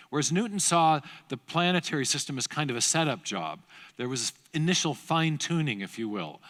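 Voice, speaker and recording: A man's voice: medium pitch, a bit bright. A middle-aged man giving a lecture-style talk at a church seminar, telling a history story with restarts and asides. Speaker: guest speaker at a church seminar. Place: large church auditorium. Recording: long hall reverb.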